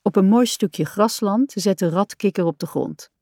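A woman reads a children's story aloud at an unhurried pace, calm and even. Her voice sits in a middle pitch and sounds close and dry. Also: dry recording.

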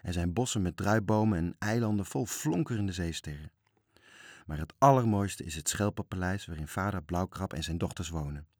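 A man reading a children's story aloud in a calm, even storytelling manner. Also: sits low, dry recording, studio quality.

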